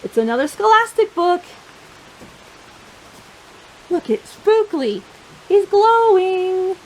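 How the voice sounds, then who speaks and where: A woman with a very high voice hosts a children's storytime, reading a picture book slowly in a playful, sing-song way and addressing her young listeners directly. The recording is rough.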